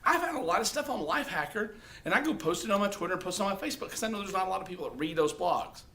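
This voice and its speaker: A man's voice: high voice, expressive, very fast, sharp tone. A man talking casually to the camera, giving blunt, profane advice on social media and often tagging his points with "okay?". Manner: blunt and profane, with lots of "okay?" tag questions.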